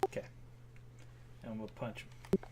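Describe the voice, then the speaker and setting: A man playing a tabletop game, talking loosely and casually. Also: slow pace. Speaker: player. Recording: noisy mic with keyboard clicks.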